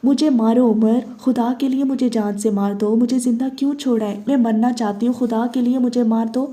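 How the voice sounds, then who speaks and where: A woman's voice: a little high, steady tone, mellow, natural voice. A woman voicing a desperate young woman prisoner who begs tearfully to be killed, in a Urdu novel reading. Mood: screaming despair. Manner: pleading, tearful.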